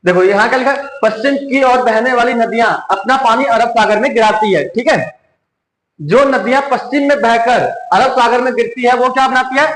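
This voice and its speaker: In an echoey coaching classroom, a man with a Hindi accent teaches an exam-prep lesson, repeating each question and answering it himself. His voice is extremely high, brisk, and fairly bright.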